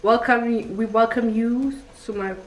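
A woman's voice: on the high side, fairly even intonation, unhurried. A woman co-hosting a casual language game, joking and guessing translations playfully. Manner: playful, joking, laughs often. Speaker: co-host, sister. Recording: echoey room, far from the mic, faint noise.

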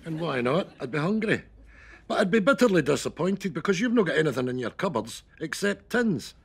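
A man's voice: fairly high pitch, sing-song, a little fast, gravelly, husky, exaggerated voice. An actor playing a dry, teasing older man with a broad Scottish accent, wisecracking in a sitcom. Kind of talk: sitcom dialogue.

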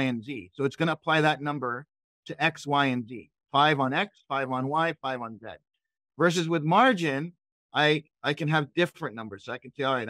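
A middle-aged man with a higher-than-average voice leads a live software training session over a video call from indoors. He explains conversationally, often posing questions and then answering them, and the recording is dry.

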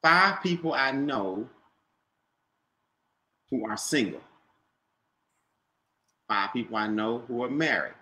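A man's voice: mid-range voice, animated, takes it slowly, long pauses, bright, forceful tone, roomy sound. A man coaching a group on a video call, stressing and repeating his key points and quizzing listeners. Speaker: business trainer.

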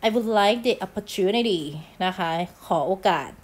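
A woman teacher from Thailand talks through a lesson in a friendly, chatty way. She slows down to read example phrases one word at a time and fills the gaps with polite endings and casual asides. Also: mid-range voice. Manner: explains in Thai, reads English phrases slowly and clearly. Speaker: English teacher. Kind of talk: recorded lesson explanation.

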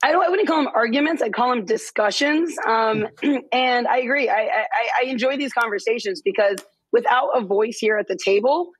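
A slightly hoarse woman giving measured, explanatory rules analysis on a studio football panel. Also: a little high, no echo, low-quality recording. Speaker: refereeing analyst.

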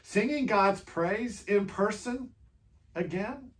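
A pastor leads a quiet Holy Week meditation at a strikingly slow pace, letting each short phrase hang before the next. The pitch rises and falls in lively swings as questions are put to the listener. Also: slight background noise. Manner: gentle, unhurried, with many rhetorical questions to the listener; speaks in short phrases with long pauses.

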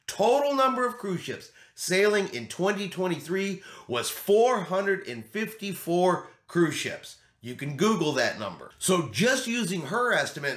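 Recorded with roomy indoor echo in a small home studio, this middle-aged man's voice sits high and a bit bright. As a vlog host, he talks to camera with emphasis and keeps repeating his main points.

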